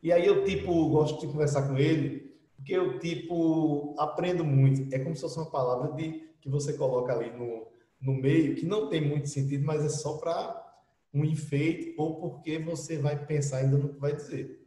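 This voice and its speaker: A man's voice: on the high side, normal speed. A man teaching an English class in casual Portuguese, acting out slang greetings and imitating how people talk. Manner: lively, acts out slang phrases and imitates people. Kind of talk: online class lesson. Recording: echoey room with long reverb.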